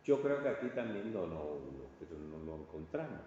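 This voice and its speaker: With a very deep, mellow, sing-song voice and a Spain Spanish accent, a man lectures informally on art history to an audience, using illustrations. His delivery is halting and conversational, with frequent check-ins with listeners. The large indoor hall adds strong echo, and the recording sounds distant and muffled, with faint noise.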